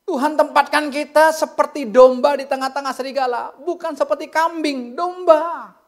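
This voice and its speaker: A pastor preaching a lively sermon in a church, with humorous asides, casual chatter to the congregation, and playful impressions of other people's speech. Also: high-pitched, normal speed. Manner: animated, humorous, acts out quoted speakers.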